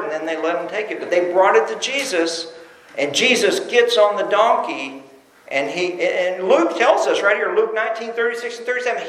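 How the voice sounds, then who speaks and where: A man preaching a sermon as pastor, animated, dropping his voice low for emphasis and acting out the crowd's cries, recorded in a church sanctuary. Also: roomy sound, low-quality recording.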